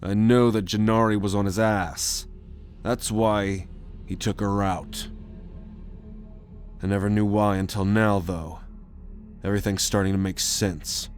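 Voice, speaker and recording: With faint music behind him, a man with a fairly low, natural voice plays a cocky, commanding alien rogue in an ASMR roleplay audio drama, a bold leader on a mission. He speaks unhurriedly with long pauses and fairly even intonation, sounding sardonic, serious and persuasive.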